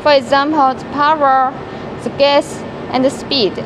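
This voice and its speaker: High-voiced young woman demoing a machine. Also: fairly even intonation. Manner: halting, many restarts and fillers. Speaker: product presenter. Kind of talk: product demonstration in English. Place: large factory workshop. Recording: noisy factory floor.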